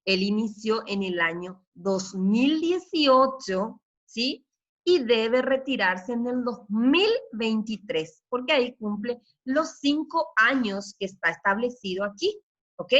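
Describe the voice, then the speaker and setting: Slow, patient schoolteacher woman. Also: a little high, fairly bright tone. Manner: slow, patient, checks in with "¿sí?" and "¿ok?" constantly; praises often. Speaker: primary school teacher. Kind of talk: recorded remote lesson. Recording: slightly dull lo-fi audio.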